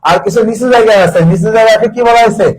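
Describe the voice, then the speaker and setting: A man speaking rapid-fire in a high voice with fairly even intonation runs an exam-prep biology session, repeating terms and quizzing students on each. The recording is low-quality.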